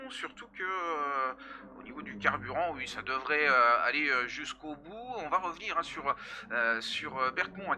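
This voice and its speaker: A man doing live motorsport commentary on a sim race, with clear noise behind him. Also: high voice. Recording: clearly noisy background.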